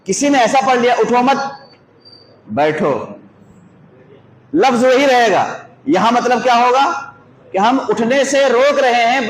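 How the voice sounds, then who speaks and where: High-voiced man giving a religious lesson. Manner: questions the audience and gives worked examples. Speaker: Islamic scholar. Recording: echoey room with faint noise.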